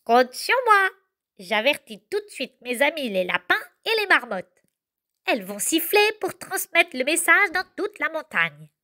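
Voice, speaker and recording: A woman's voice: high voice, big pitch swings, unhurried, pushed and bright, pitched above the performer's own voice, exaggerated voice. A woman voicing a curious, eager little rabbit who happily offers to help.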